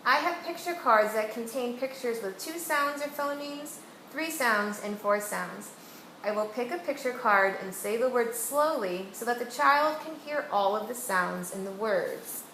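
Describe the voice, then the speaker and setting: A woman teacher walks a student through a reading exercise, pronouncing each word slowly and deliberately so every sound can be heard. Her voice sits somewhat high. The recording carries a roomy echo and a faint background hiss. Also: pushed and bright. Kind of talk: instructional demonstration with a student. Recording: echoey room with faint noise.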